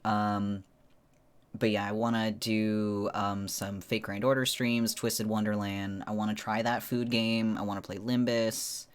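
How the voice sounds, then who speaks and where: A man with a fairly low voice, chatting as a streamer on a casual livestream. His delivery is informal and rambling, with loose, conversational phrasing. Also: little pitch movement, a little slow, clear, resonant tone. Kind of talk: casual solo livestream chat.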